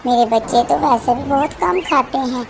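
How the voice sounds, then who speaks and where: Woman doing a gentle cartoon sparrow mother. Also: sits high, gravelly, noisy background. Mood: caring. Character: kind female sparrow mother.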